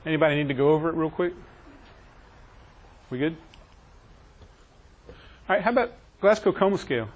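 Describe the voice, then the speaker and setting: A man's voice: a little high, lively intonation, normal speed, long pauses, muffled recording. A man teaching a classroom EMS training session, quizzing his trainees and joking with them. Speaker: EMS instructor.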